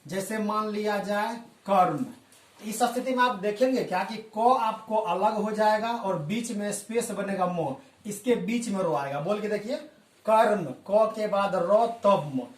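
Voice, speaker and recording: A male teacher giving a spoken language lesson, patiently explaining and slowly repeating example words. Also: sits high. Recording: echoey room, voice from a distance.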